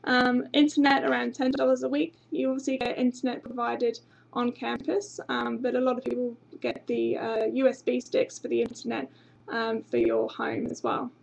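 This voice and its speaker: On a low-quality recording, a young English woman with a hint of Australian in her accent talks at a moderate pace in a gravelly voice on the high side, with little pitch movement. She is running a university webinar via her desk webcam from a small office, a banner at her back, and she comes across as chatty and informative, often saying um.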